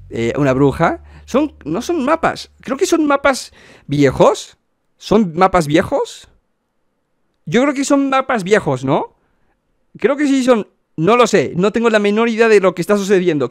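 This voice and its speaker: A man's voice: high voice, sing-song, normal speed, no room sound, studio quality. A young man from hosting a reaction video, exclaiming, repeating words and laughing often. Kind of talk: excited reaction commentary.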